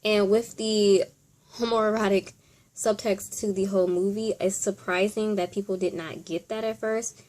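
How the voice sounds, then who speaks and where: A woman presents a top ten countdown as casual commentary. Her voice sits at an average pitch, and she talks informally, thinking aloud as she goes through her picks. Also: fairly even intonation, normal speed, a little mellow. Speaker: video host.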